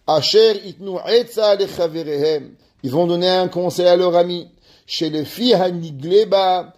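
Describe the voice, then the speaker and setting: Man, rabbi, ethics lesson, storytelling, rather high voice. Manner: lively storyteller, reads Hebrew passages aloud. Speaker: rabbi teaching a Torah class.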